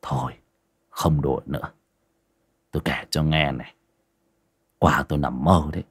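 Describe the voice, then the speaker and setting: A man's voice: steady tone, moderate pace, slightly rough. A man voicing a tired, stern young male exorcist who grumbles. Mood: weary. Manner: tired, grumbling, low-key.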